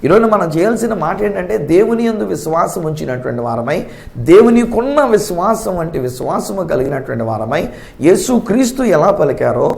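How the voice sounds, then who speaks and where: A man preaching a sermon, swinging between quiet asides and emphatic, commanding declarations. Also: high voice, sing-song, moderate pace, gravelly. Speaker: pastor.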